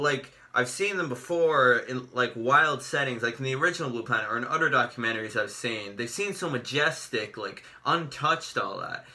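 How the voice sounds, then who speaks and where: A man with a very bright, forward voice talks off the cuff in a casual video review. He is earnest and effusive, often halting and repeating himself as he hunts for words. Dental braces slightly alter his speech. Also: mid-range voice. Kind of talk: casual unscripted review to camera.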